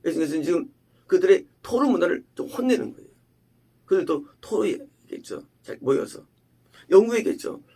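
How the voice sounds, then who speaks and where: Male pastor, gravelly and husky, delivering a sermon full of rhetorical questions. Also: high-pitched, expressive, moderate pace. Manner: emphatic preaching with rhetorical questions, swinging from loud to hushed.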